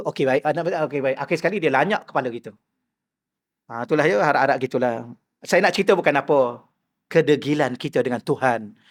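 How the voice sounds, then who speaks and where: A middle-aged man giving a mosque lecture, asking the audience rhetorical questions and acting out the people he quotes. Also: a little high. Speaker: religious teacher.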